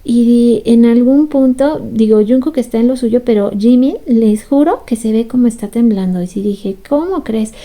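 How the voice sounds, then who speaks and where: A woman's voice: on the high side, normal speed, hardly any pauses, mellow. A woman, casually recapping a show in a chatty, sympathetic way. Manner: chatty, sympathetic, often laughing. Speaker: fan recap commentator.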